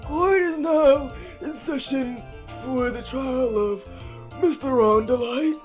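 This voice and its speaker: A doddering old judge who opens court in a slow, drawn-out quaver and stumbles when pressed, as a woman puts him on. The voice sits a bit high for an old man and sounds somewhat distant from the mic, with faint music under it. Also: darkish tone. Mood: pompous flustered. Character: flustered old male judge.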